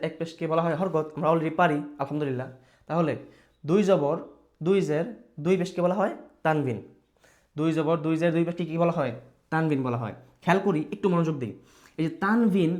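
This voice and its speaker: A male teacher giving a patient children's reading lesson, asking questions, answering them himself and mixing in English words. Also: fairly high pitch. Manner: mixes English words into his speech.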